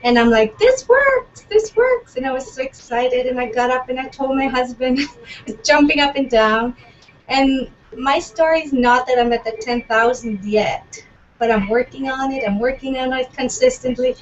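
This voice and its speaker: A nervous stay-at-home mom from Canada, a guest on a video call, talking fast. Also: female voice, high-pitched, steady tone. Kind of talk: casual video call chat. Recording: distant muffled web call with faint noise.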